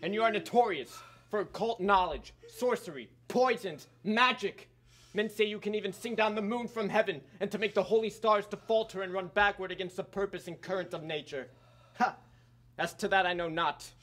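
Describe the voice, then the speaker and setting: A man's voice: sits high, normal speed, fairly bright tone. Young actor as a stern commanding king. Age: young adult. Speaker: student stage actor. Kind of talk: stage tragedy acting.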